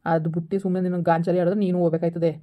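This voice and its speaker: A man's voice: high-pitched, level tone, very fast. A man in a scripted family drama, angrily and insistently scolding his wife over a phone call. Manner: angry, insistent, repetitive scolding. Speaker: husband in a family skit.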